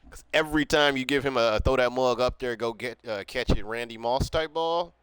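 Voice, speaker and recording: A man streaming a football video game live, cursing and reacting excitedly to the plays as he talks through them to himself. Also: medium pitch, fairly quick, clear, resonant tone, no room sound. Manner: profane, excitable, talks to himself while playing. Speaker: gaming streamer. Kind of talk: live gameplay commentary.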